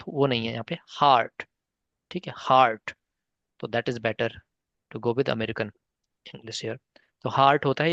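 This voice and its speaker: A man's voice: medium pitch, dry recording, dull audio. A man teaching a spoken English class online, patiently mixing Hindi and English and coaxing learners by name.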